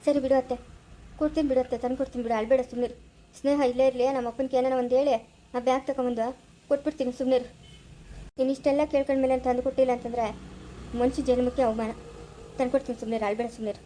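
A woman's voice: sits high, flat delivery, racing, long pauses, mellow, lightly acted. A woman playing a torn young village husband who soothes and reassures, with a Chikkaballapur Kannada accent. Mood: soothing.

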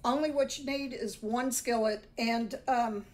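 A woman's voice: a little high, steady tone, measured pace. A woman with a Southern US accent gives a casual cooking tutorial in a folksy, chatty way. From southern United States. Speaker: home cook presenting recipes. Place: home kitchen, indoors. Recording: home video with faint kitchen noise.

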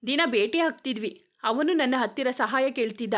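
A woman's voice: high-pitched, normal speed, fairly bright tone. A woman voicing a naive young village woman making a pleading, tearful confession. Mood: confessing.

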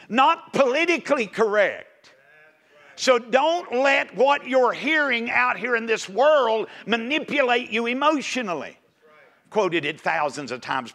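Male pastor, high bright voice, folksy sermon that builds to emphatic calls, nearly empty church. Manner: folksy preaching, rising to emphatic exhortation.

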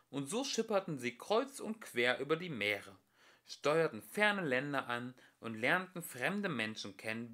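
A young man with a medium-pitched voice reads a children's storybook aloud as an amateur narrator, telling the story expressively.

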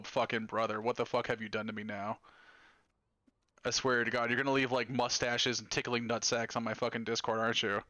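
Guy streaming a game, cusses a lot, bright sharp voice, dry close sound. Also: mid-range voice, no echo. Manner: profane, excitable, talks to chat. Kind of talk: casual live gameplay chat.

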